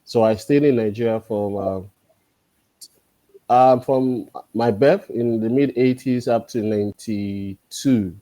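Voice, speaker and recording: A man around forty, a guest in a casual interview, talking thoughtfully and pausing often on drawn-out fillers. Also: medium pitch, mellow, no echo. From Ghana. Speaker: podcast guest.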